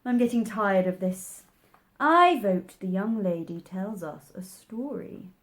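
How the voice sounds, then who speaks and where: A woman's voice: mid-range voice, expressive, slow pace. Storybook hare, played by a woman: male, tired of it all, grumbly, lilting delivery. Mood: bored. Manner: muttering, interrupting. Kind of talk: children's storybook character voice.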